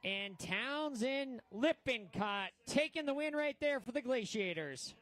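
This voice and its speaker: A man's voice: very high voice, animated, a little slow, a bit bright. A man calling a ski race live as a commentator, narrating the action as it unfolds. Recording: clear background noise, outdoor event ambience.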